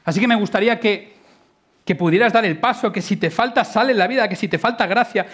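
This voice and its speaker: Man, informal sermon, high voice, lively then hushed, acts out scenes. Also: brisk, breathy edge. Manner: dynamic, drops to hushed intimate tones, acts out dialogue. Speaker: preacher.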